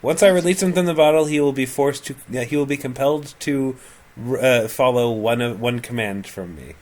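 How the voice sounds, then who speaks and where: A man's voice: mid-range voice, normal speed. A man acting as game master of a tabletop game over a call, explaining lore with many fillers.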